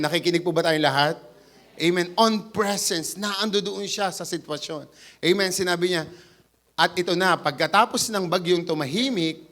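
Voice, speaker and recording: A man with a Batangas Tagalog accent preaching an animated sermon, acting out the quoted voices and switching into English now and then. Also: on the high side. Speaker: pastor. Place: church.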